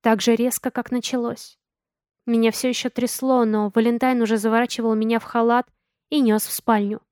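A woman narrates an audiobook in the first person, in a somewhat high voice. Her delivery is measured and even. The sound is dry and close, with no room around it. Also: smooth, no echo. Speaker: audiobook reader.

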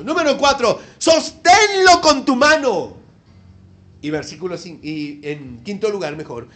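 A man preaching a Mother's Day sermon, animated and jokey, with outbursts and questions to the congregation. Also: fairly high pitch. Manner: talks to the congregation with tag questions. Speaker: pastor.

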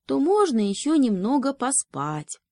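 A woman's voice: sits high, very animated, measured pace, a little mellow, dry recording, clean studio sound, voice pushed up, full character voice. A woman voicing a grumpy, sleepy male hedgehog in a storybook, grumbling and drowsy.

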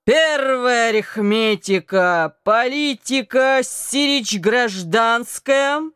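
A woman reading an audiobook, voicing a drunk, rowdy young male naval cadet who shouts hoarsely and chants in a slurred sing-song. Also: a little high, takes it slowly, dry recording, clean studio sound. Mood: drunken bellowing.

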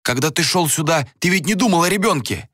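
A loyal young friend in a storybook, voiced by a man, cries out in a high, strained voice full of panic. His pleading runs fast and shrill, recorded close and dry with no room sound. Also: expressive, dry recording. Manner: pleading, frantic, shrill when shouting.

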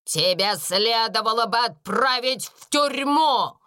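A woman voicing a harsh, furious schoolmistress who scolds loudly and slowly in a storybook reading. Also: on the high side, lively intonation, clean tone, no room sound, voice pushed up, heavily acted. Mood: furious scolding. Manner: shouting, slow and scolding.

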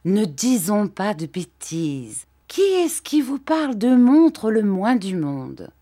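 A woman voicing a patient young husband who pleads gently and earnestly in an audiobook reading. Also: medium pitch, sing-song, slow, husky, voice pushed up, full character voice.

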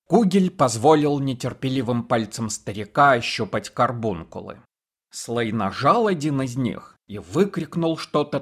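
A man reading a fantasy audiobook in steady scripted narration. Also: mid-range voice.

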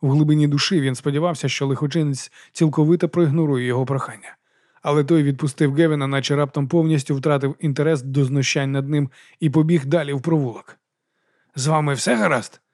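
A man's voice: on the high side, fast talker, dry recording. Male audiobook narrator, dry close sound. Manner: steady storytelling delivery. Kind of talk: scripted narration.

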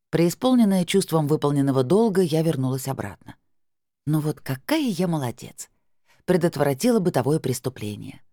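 Lively, wry woman narrator. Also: low voice, dry recording, clean studio sound. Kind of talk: first-person audiobook narration.

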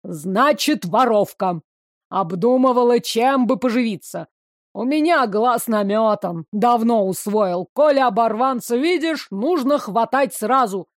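A woman voicing a gruff, mocking male city guard who talks slowly and tauntingly. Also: on the high side, expressive, dry recording, studio quality. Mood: menacing. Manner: sneering, slow and taunting.

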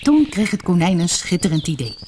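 Female storybook narrator, lowish voice, animated delivery. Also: fairly quick, slight background noise. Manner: lively, expressive read-aloud. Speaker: audiobook narrator. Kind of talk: storybook reading.

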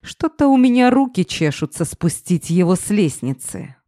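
A woman voicing a cold, irritated male boss with a gruff, clipped manner. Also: fairly low pitch, big pitch swings, normal speed, dark tone, no echo, studio quality.

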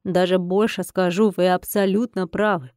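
A woman's voice: on the low side, steady tone, normal speed, a little mellow, dry recording, studio quality, lightly acted. A woman reading an audiobook and voicing a young male servant to a mage lord who speaks politely and deferentially.

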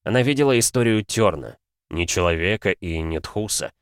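A man reading fantasy narration for an audiobook in a steady, measured way. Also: low voice, smooth, dry recording, clean studio sound.

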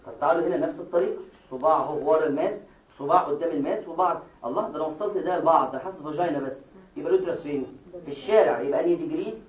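A man with an Egyptian Arabic accent giving a classroom lecture, explaining step by step and quizzing his students with quick questions. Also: on the high side, distant mic. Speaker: medical lecturer. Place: lecture hall. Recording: echoey hall, taped from afar.

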